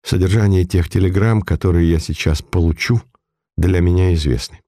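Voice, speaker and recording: A man's voice: low-pitched, moderate pace, dark tone, no room sound, clean studio sound. A man voicing a hot-tempered old police chief. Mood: grim. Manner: curt, commanding, explosive.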